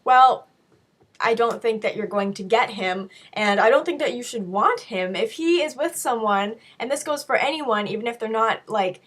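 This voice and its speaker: A young woman speaks in a fairly high voice that is touched by sickness. She chats informally to her viewers as she answers questions. Her delivery is frank and conversational, with playful asides. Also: normal speed. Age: young adult. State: sick with a cold-affected voice. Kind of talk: casual chat to camera, Q&A.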